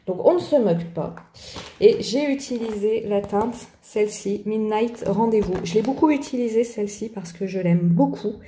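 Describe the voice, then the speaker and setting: A woman's voice: mid-range voice, moderate pace, dark tone, a little hiss or hum. A woman chatting casually through an art journal tutorial, hesitant, with many fillers. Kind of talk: casual craft tutorial chat. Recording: echoey room.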